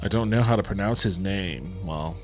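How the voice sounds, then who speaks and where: A man's voice: low-pitched, normal speed, soft background music. A man streaming a video game live, talking into a headset mic, reacting aloud, reading game text and swearing casually. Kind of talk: casual live gaming commentary.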